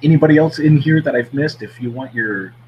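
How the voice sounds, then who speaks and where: A man's voice: mid-range voice, brisk, highs cut off, slight background noise. A man in his forties hosting a casual live stream, chatting and reading out viewer comments. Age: 40s. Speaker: host.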